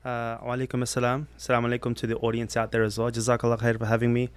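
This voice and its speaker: A man's voice: mid-range voice, completely flat delivery, very fast, smooth. A man speaking as a guest on a podcast, explaining in a friendly way with many small fillers. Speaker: guest, human rights activist. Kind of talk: podcast interview. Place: studio.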